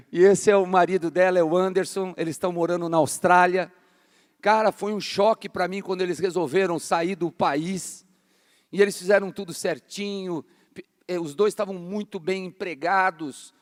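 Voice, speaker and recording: A man in his fifties, a pastor from Brazil, preaching a fervent, casual sermon in a large church hall. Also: high-pitched. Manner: fervent, casual, says "cara" a lot. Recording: long hall reverb.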